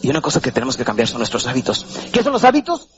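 A man's voice: medium pitch, very fast, highs cut off. A Mexican man giving a live motivational seminar talk in a hall, theatrical, acting out little voices and quizzing his audience. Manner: animated, theatrical, acts out voices and questions the audience. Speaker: motivational speaker.

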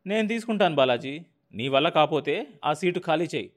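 A brusque, mocking TV channel boss barks orders at his staff in a raised, high-pitched voice, as an audiobook narrator puts him on. He bullies everyone around him and sneers while he does it. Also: lively intonation, normal speed, natural voice. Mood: domineering. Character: brash scheming male TV channel boss.

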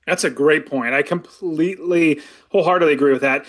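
A middle-aged man co-hosting a podcast in casual chat, animated and acting out parents yelling. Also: on the high side, brisk. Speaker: podcast co-host.

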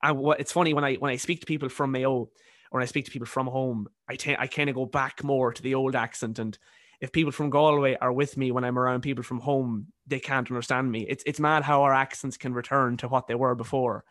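A man in his early twenties with a softened Cavan Irish accent, speaking reflectively in an interview and repeating words as he thinks. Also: medium pitch, steady tone, brisk, no echo, clean studio sound. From County Cavan, Ireland. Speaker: podcast guest, university student.

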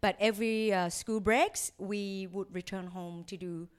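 A woman's voice: medium pitch, fairly even intonation, a little slow, smooth. Laughing woman chatting. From Thailand. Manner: laughs often, loose playful talk. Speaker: guest, private chef. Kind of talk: casual chat.

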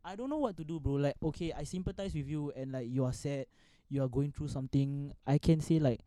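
A young Singaporean man co-hosts a podcast in relaxed, colloquial Singlish. His voice sits slightly high for a man yet is very mellow. The sound is dry and close. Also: fairly quick, no echo. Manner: speaks colloquial Singlish with lah, ah and sia particles. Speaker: podcast host. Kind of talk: casual chat.

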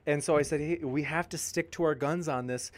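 A man with a fairly high voice hosts a live stream and reads out viewer comments. He jokes with the chat in an upbeat, casual way. He sounds a little tired. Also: a little fast. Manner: upbeat, joking, reading viewer comments aloud. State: tiring, pausing to drink. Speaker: debate channel host.

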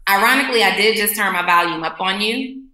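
A woman co-host talking in an upbeat, chatty way, her voice coming through an online call with a hollow echo around it. Her tone is bright and crisp. She sounds like she is on a computer mic in a live video chat. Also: mid-range voice, fast. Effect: echoey sound over an online call. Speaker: podcast co-host. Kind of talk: casual live podcast chat. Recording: echoey call audio.

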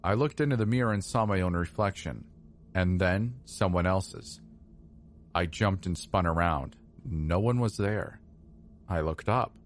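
A man narrating a first-person horror story in a slow, measured, somber way. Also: sits low, slight background noise.

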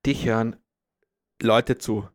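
A man's voice: medium pitch, fairly even intonation, slow pace. Playful young man. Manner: playful, teasing, mock-serious. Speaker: podcast co-host. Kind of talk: casual comedic chat.

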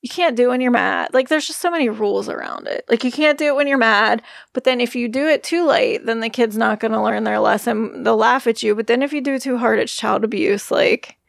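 A middle-aged woman with a somewhat high, gravelly voice chats earnestly as a podcast co-host. She rambles, stacking up fillers as she works through her thoughts, recorded close and dry at home. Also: brisk, few pauses, no room sound. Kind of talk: casual chat. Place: bedroom at home.

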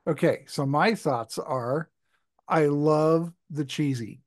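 Joking podcast co-host, dry close sound. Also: male voice, fairly high pitch, slow pace, no echo. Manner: joking, rambling, laughs often. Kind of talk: casual chat.

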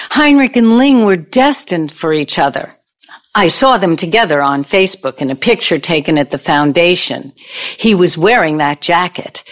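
A spiteful former lover, voiced by an actress in a radio-style audio play. She tells her story slowly and with relish, in a somewhat low voice. She drags the words out to needle her listener. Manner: slow, taunting storytelling. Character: bitter middle-aged woman, ex-girlfriend seeking revenge. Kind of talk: amateur radio drama acting.

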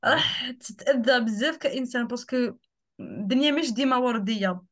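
Algerian woman hosting a talk show, quick casual delivery, code-switching. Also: on the high side, fairly bright tone. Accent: Algerian Arabic. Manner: mixes in French and English words. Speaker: host. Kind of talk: casual interview chat.

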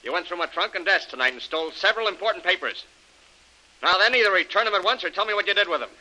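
A cold threatening radio heavy, old-time tough talk, brisk bright tone. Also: male voice, sits high, expressive, exaggerated voice, low-quality recording. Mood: menacing. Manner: tough-guy slang, threatening. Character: menacing adult male villain, cold bully. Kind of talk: 1930s radio drama acting.

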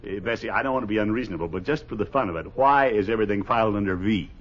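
A man's voice: fairly low pitch, rapid-fire, close to an everyday voice. An actor playing a pompous, flustered middle-aged man with a blustering, theatrical manner in 1950s radio comedy. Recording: dull, faintly noisy old radio recording.

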